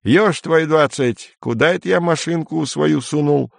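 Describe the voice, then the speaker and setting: A man's voice: a little high, measured pace, gravelly, dry recording, voice pushed up. A man voicing a bewildered rustic man with folksy, dumbfounded talk in a dry recording. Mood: grumbling.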